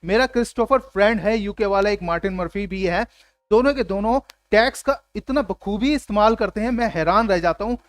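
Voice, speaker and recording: A man's voice: sits high, brisk, dry recording. A man teaching an English grammar lesson for his video channel, explaining emphatically and acting out example phrases.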